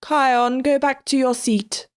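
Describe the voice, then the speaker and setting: A woman voicing a stern male headmaster who speaks with cold calm. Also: high-pitched, slow pace, clear, resonant tone, dry recording, clean studio sound, voice pushed up.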